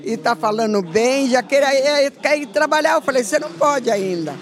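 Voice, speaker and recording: A woman's voice: sits high, lively intonation, normal speed, faint music behind. An older woman telling an earnest church testimony as a member, recounting events and quoting herself. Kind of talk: spoken testimony.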